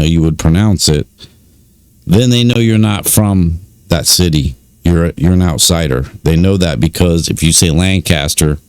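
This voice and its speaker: A man's voice: low-pitched, clear, resonant tone, no echo. A man giving casual commentary, reading out records with many fillers and informal asides. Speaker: YouTube commentator on prison news.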